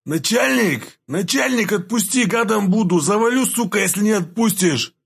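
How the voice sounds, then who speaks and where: A man voicing a rough ex-convict who snarls and swears threats. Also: on the high side, moderate pace, pitched above the performer's own voice. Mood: threatening.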